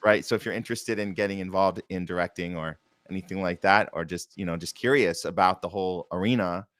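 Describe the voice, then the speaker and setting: An American man hosts an arts community show, chatting informally and enthusiastically while making announcements. His low voice is a bit bright and fairly quick, with no echo.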